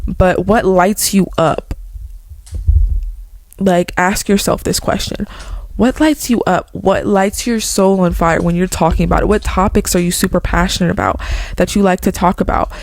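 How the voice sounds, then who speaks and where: A woman in her twenties talks casually and earnestly to her viewers, drifting from thought to thought and leaning on "like" and "okay". Her voice sits at a middle pitch. The sound is dry and close, with no room echo. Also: moderate pace, darkish tone. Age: 20s. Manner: earnest, rambling, heavy on "like" and "okay". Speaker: vlogger. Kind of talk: casual motivational chat.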